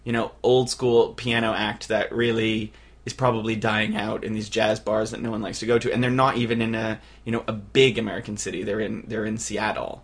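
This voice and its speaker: A man co-hosting a casual film-review podcast, chatty and animated, rambling with lots of fillers. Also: mid-range voice, slightly rough. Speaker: podcast co-host.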